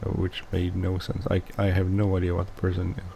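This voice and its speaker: A man whose first language is Swedish, speaking English with a Swedish accent as he hosts casual gameplay commentary, mumbling and halting with many restarts. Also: low voice, completely flat delivery, creaky, dark tone, a little hiss or hum, poor audio. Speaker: let's play host.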